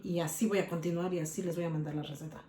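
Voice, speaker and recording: A woman's voice: fairly low pitch, steady tone, racing, mellow, slight background noise. Chatty Mexican woman in an echoey kitchen. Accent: Mexican Spanish. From Mexico, Guadalajara. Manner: chatty, stubborn, keeps asking "¿ok?". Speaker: cooking video host. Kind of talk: casual cooking demonstration. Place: home kitchen.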